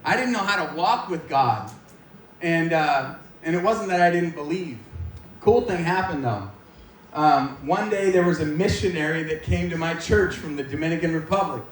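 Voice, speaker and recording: A fairly high-pitched American man in his forties, originally from Maine, addresses a church gathering as a guest speaker, telling his own testimony at a moderate pace. His manner is casual, joking and self-deprecating. Sound is echoey and distant, captured in a large indoor room with faint noise.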